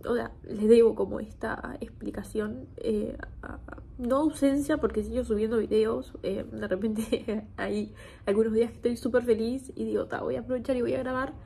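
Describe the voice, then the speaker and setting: A woman in her twenties, a video creator, talks candidly to camera in her home kitchen, hesitant and emotional and close to tears, with nervous little laughs. Her voice is a little high, steady, at normal speed, warm and breathy with vocal fry. The indoor kitchen recording is noisy.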